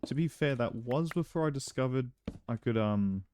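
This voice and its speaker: A young man giving casual let's-play commentary, chatty and rambling, breaking into excited outbursts now and then. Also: mid-range voice, moderate pace, slight background noise. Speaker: gameplay commentator.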